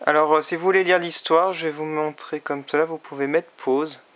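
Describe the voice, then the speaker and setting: A man's voice: fairly high pitch, fairly even intonation, brisk, a bit bright, a little hiss or hum. A man casually reviewing a toy he bought, chatty and often hesitating with fillers. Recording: slightly dull lo-fi recording.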